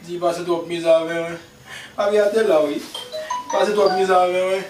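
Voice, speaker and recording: A man with a Haitian accent playing an older friend who quietly consoles a grieving widower. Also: sits high, steady tone, normal speed, music in the background, lightly acted. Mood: consoling. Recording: echoey and distant with faint hiss.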